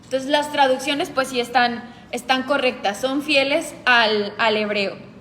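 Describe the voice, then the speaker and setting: A woman's voice: sits high, fairly even intonation, a little slow, bright, forceful tone, in a large hall, a little hiss or hum. A woman leading a group Bible study, explaining patiently and asking the group questions.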